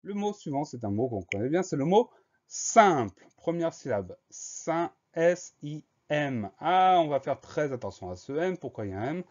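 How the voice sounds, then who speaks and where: A man teaching a spelling lesson to children, speaking slowly and carefully and spelling each word out letter by letter. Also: on the high side, sing-song, warm tone, lo-fi sound. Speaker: primary school teacher.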